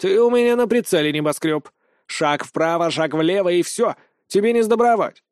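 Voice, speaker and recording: A man voicing a shrill, paranoid female hen that guards a farmyard, in an audiobook. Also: animated, normal speed, clear, resonant tone, no room sound, clean studio sound. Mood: indignant. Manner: shouting, suspicious, bossy. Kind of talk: audiobook character voice.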